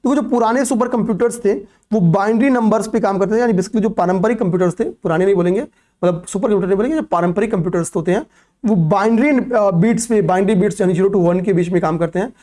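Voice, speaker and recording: A man's voice: sits high, quick pace, warm tone. Hindi-speaking male coaching teacher lecturing. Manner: repetitive, checks in with "okay, pay attention"; asks and answers own questions. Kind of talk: classroom lecture on current affairs.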